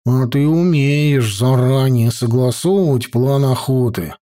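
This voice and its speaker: A man's voice: fairly high pitch, animated, measured pace, dark tone. A man voicing a grumbling, thoughtful young comrade who drawls his musings.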